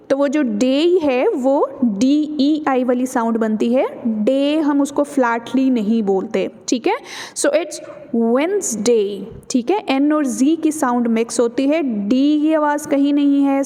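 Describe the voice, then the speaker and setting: A high-voiced woman teaches English pronunciation, mixing Urdu explanations with careful English examples. She talks slowly and deliberately, stretching out each model word, and the recording carries a long reverb tail. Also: mellow. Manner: explains in Urdu mixed with English, repeats "theek hai" often; slows down sharply on English model words. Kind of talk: online pronunciation lesson.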